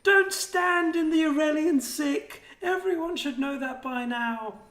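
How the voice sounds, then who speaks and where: A man casting a live esports match, excitable and out of breath, shouting when fights break out. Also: very high-pitched, measured pace, roomy sound. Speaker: esports play-by-play caster.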